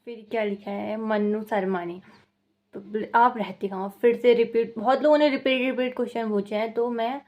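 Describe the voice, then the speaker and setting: A woman's voice: a little high, fairly even intonation, moderate pace, darkish tone, muffled recording. A young woman from Uttarakhand chatting casually in a vlog, reading out viewer questions and answering them in a rambling, repetitive way. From Uttarakhand, India. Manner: chatty and rambling, repeats herself, laughs at the questions. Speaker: vlogger.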